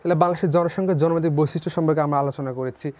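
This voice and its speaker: Slightly high-voiced young male tutor. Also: steady tone, rapid-fire, darkish tone. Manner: repeats key figures as questions to students. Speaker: teacher. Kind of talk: online class lecture.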